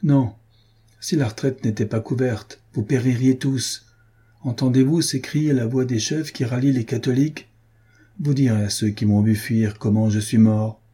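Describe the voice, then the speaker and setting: Male reader doing old soldier, stubborn and brave, dark husky voice. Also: medium pitch, fairly even intonation, moderate pace, lightly acted. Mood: resolute. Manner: firm, resolute pleading. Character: old male soldier, grim and self-sacrificing. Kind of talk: audiobook character reading.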